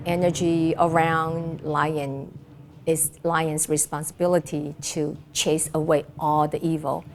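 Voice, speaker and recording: This middle-aged dancer and choreographer from Taiwan has a low, gravelly voice with a darkish tone. She considers each interview question with care, her answers full of fillers and restarts, while music sounds in the background.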